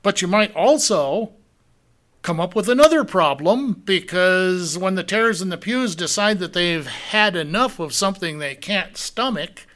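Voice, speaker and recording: A man preaches verse by verse in a high, bright voice. He speaks at a slow, deliberate pace and stretches out key words for emphasis. He keeps putting rhetorical questions to his listeners. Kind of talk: verse-by-verse sermon.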